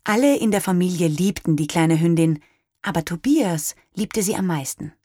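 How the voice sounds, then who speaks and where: A woman reading a children's Christmas story aloud in a calm, measured way. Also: on the low side, dry recording, clean studio sound. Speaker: narrator.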